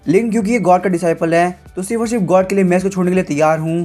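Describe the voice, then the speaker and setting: A wary, scheming emperor who smooths things over with soft reassurances, read by a man. The voice is high and hurried, carried along by quiet music. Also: steady tone, natural voice. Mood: placating. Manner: placating.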